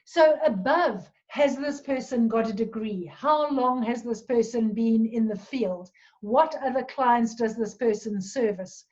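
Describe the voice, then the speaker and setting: A woman giving a talk on public speaking, with a clear, measured delivery and deliberate pauses. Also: a little high, a little mellow. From South Africa. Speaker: presentation coach. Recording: dull lo-fi recording.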